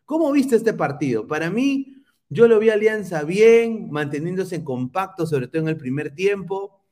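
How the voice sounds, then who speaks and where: A man's voice: high-pitched, expressive, normal speed, warm tone. A man hosting a football podcast in casual chat, teasing rival fans as he reads viewer comments. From Peru. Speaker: podcast host.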